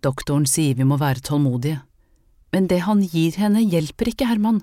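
A woman's voice: sits low, dark tone, no echo, clean studio sound, natural voice. A woman reading the part of a frightened young woman in an audiobook, pleading and urgent. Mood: anxious. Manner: pleading, breaking into cries and whispers.

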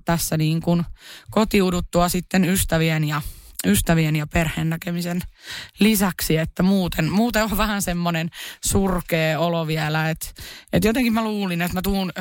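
A woman chats casually as a podcast co-host, joking about herself and leaning on fillers. Her voice is smooth and resonant. The sound is dry and close. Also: on the low side, dry recording. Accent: Finnish. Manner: chatty, self-mocking, many fillers. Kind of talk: casual chat.

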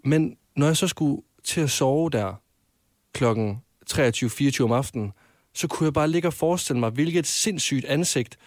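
A man's voice: mid-range voice, dry recording, studio quality. A man in a casual chat recalling a childhood memory, with frequent hesitations. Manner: reacts with short agreements, then tells his own memory with hesitations.

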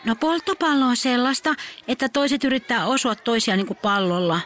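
A woman's voice: on the high side, a bit bright, a little hiss or hum, lightly acted. A woman voicing a chatty, cheerful schoolgirl who eagerly explains playground games. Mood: explaining. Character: cheerful young schoolgirl playmate.

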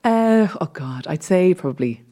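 A woman's voice: fairly low pitch, animated, moderate pace, warm tone. A woman with a Dublin Irish accent, chatting casually as an interview guest. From Ireland, Dublin. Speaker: panel guest, entrepreneur.

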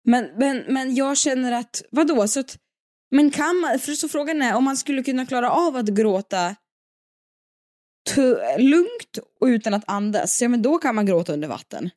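A woman's voice: sits high, expressive, darkish tone, no room sound, clean studio sound. A young woman co-hosting a casual podcast, chatty and rambling, often restarting sentences and laughing. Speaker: podcast co-host.

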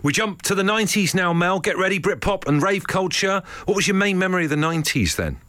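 Lively English male podcast host. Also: high-pitched, quick pace, no room sound. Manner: lively, teasing, back-announcing tracks. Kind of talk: casual podcast interviewing.

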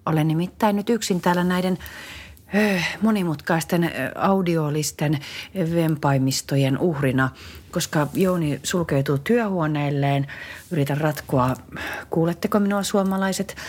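A woman's voice: on the low side, slightly rough. A woman co-hosting a comedy podcast, talking in a theatrical, mock-formal way. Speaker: podcast co-host.

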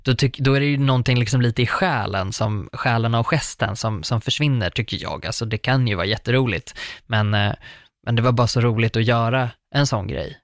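A young man chats casually and tells a personal story at length. He rambles, circles back and leans on fillers, in a middle-pitched voice. The sound is dry and close, with no room echo. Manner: rambling, filler-heavy, warmly anecdotal.

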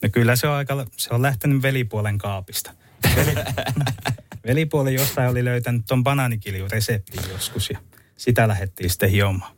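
A man guesting on a radio show, answering questions calmly and matter-of-factly. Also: mid-range voice, slight background noise. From Finland. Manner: calm, matter-of-fact. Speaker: studio guest, home brewer. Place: radio studio.

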